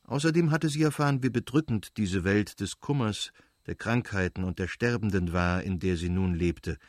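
A man narrating a classic novel as an audiobook in a measured, even way. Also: deep voice, no room sound, clean studio sound.

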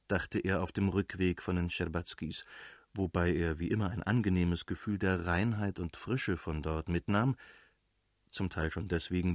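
A man reading a classic novel aloud as an audiobook narrator in a measured, literary way. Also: low voice, no echo, studio quality. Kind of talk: scripted narration.

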